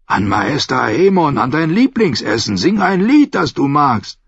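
A man's voice: on the high side, big pitch swings, unhurried, creaky, fairly bright tone, husky, no echo, dull audio, pitched above the performer's own voice, full character voice. A man voicing a firm, coaxing young man. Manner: firm, encouraging.

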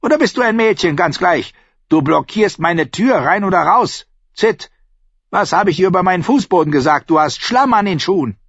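A male reader voicing a huge, ugly, bossy innkeeper woman who scolds and shouts in a shrill voice. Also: animated, moderate pace, dry recording, highs cut off. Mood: scolding.

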